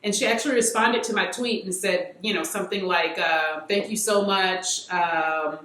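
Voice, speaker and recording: A woman's voice: fairly low pitch, moderate pace. Chatty woman telling a story, echoey room. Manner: animated, acts out quotes with filler words. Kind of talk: casual storytelling chat.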